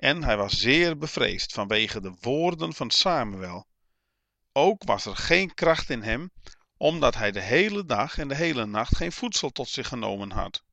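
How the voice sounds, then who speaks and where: Slow, bright-voiced male Bible reader. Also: medium pitch, creaky, no room sound. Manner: slow, measured, even reading. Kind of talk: scripted Bible reading.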